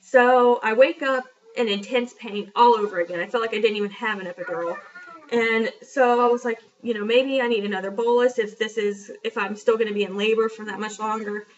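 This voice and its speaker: A young woman with a slightly high voice talks through a personal story in a frank, chatty vlog, full of fillers and little asides. She sits back from the camera, so the sound is a bit distant. The recording itself is dull and lo-fi. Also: fairly even intonation, fairly quick. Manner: chatty, frank and self-deprecating, with many fillers. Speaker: vlogger. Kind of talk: casual storytelling.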